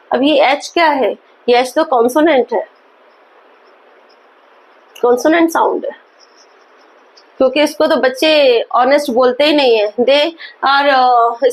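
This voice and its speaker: A woman teaching an English grammar lesson in Hindi, asking questions and answering them herself and reading example sentences slowly. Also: sits high, fairly even intonation. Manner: slow, spelled-out example sentences.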